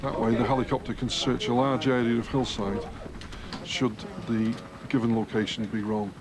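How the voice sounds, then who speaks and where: A man's voice: mid-range voice, level tone, moderate pace. A man speaking as a police control room operator, with a businesslike, explanatory delivery. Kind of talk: brisk emergency call handling and explanation. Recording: music behind the voice.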